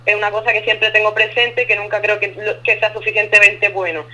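A woman originally from Ubrique, Andalusia, now living abroad, talks casually as a guest on a remote phone interview, her Andalusian accent lisping and clipping letters. She sounds bright and forceful at a medium pitch, level in tone and slightly quick, on a rough recording.

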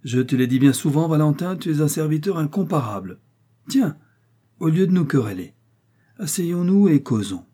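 Man doing a brooding jealous lord, tense, hushed then raging, storybook reading. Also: fairly high pitch, expressive, moderate pace, husky, voice pushed up. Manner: tense, alternately hushed and enraged. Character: brooding jealous nobleman, furious and scheming.

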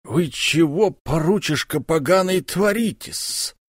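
A man's voice: a little high, lively intonation, takes it slowly, breathy edge, no echo, pitched above the performer's own voice, full character voice. A man voicing a pompous, blustering, tipsy count hosting a ball, in a dry recording. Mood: angry. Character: blustering tipsy middle-aged count host.

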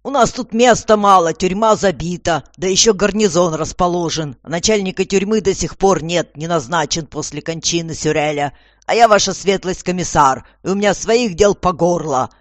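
A gruff, stout commissar, put on by the storybook narrator, barking out orders in a loud, slow, grumbling voice. He is irritable and impatient, and the recording is dry and close. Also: medium pitch, no room sound, close to an everyday voice. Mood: irritated.

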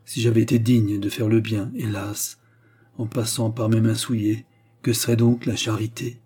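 A man's voice: fairly low pitch, flat delivery, normal speed, mellow, slightly rough. A man voicing a humble, penitent viscount who speaks in a near-trembling voice.

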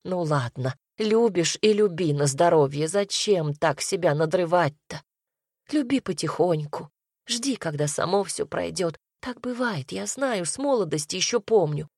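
A woman's voice: low voice, animated, measured pace, breathy edge, dry recording, exaggerated voice. Fretful worried mom whispering and wailing, woman narrator doing her, dry close mic. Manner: fretful, lamenting, hushed. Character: worried fretful mother, soft and lamenting.

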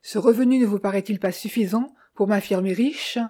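A woman reading a wealthy French gentleman who speaks seriously and firmly. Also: medium pitch, fairly quick, lightly acted. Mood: earnest. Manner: serious, earnest tone. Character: wealthy young French gentleman, curious and firm.

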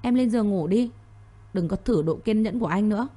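A woman's voice: mid-range voice, brisk, dark tone, close to an everyday voice. Woman voicing Thiên Vũ, a firm young man.

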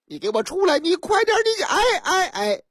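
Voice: high-pitched, very animated, brisk, dry recording, clean studio sound, pitched above the performer's own voice. A storyteller voicing a hot-tempered young husband, stammering and agitated. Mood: furious.

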